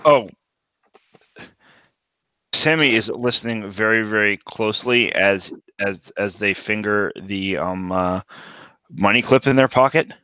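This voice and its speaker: Slow, bright-toned man, hesitant. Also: on the low side, no echo. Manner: thoughtful, hesitant, many ums. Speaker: player. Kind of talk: narrating a tabletop game character. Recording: dull lo-fi audio.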